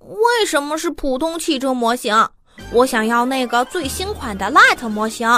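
Woman playing an eager, cheeky, high-voiced kid. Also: sing-song, moderate pace, pushed and bright, faint music behind, exaggerated voice. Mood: indignant, determined. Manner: eager, challenging, childlike. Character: eager, cheeky, confident child who loves cars. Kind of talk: children's audio story.

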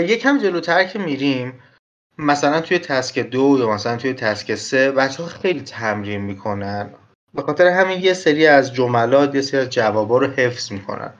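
A man's voice: medium pitch, a bit bright, lo-fi sound. A man giving a casual lesson as a tutor, talking in a chatty, direct way and repeating his points for emphasis. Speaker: IELTS speaking tutor.

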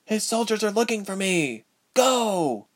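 A man's voice: sits high, sing-song, unhurried, pitched above the performer's own voice. A man voicing a defiant young woman prisoner, urgent and pleading in a raised voice.

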